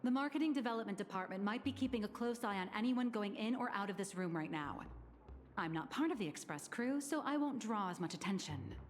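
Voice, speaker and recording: A woman's voice: mid-range voice, lively intonation, brisk, slight background noise, close to an everyday voice. An actress playing a shrewd, confident businesswoman in a game, calculating and dry.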